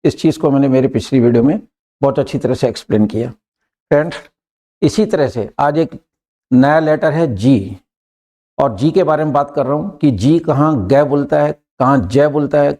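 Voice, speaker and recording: Mellow-voiced man teaching pronunciation. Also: medium pitch, normal speed. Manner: patient, repeats key points, checks in with "clear?" and "right?". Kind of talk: explanatory lesson mixing Hindi and English.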